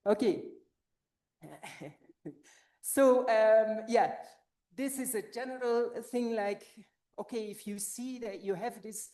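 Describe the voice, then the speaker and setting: A woman's voice: on the high side, takes it slowly, mellow. A woman presenting at an academic conference, a little out of breath and explaining her points as she thinks them through.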